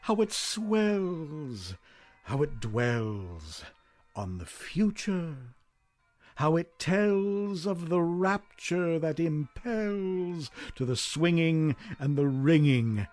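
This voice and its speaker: With music in the background, a man performs an intense, theatrical poetry recitation, lingering on repeated words. His voice is on the high side with a darkish tone and lively intonation, and he speaks very slowly.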